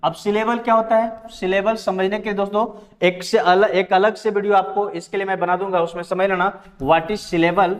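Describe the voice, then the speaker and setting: A man's voice: high-pitched, fairly even intonation, normal speed, in a large hall. A man teaching English grammar, addressing viewers as friends and spelling words out letter by letter. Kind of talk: classroom-style lesson explanation.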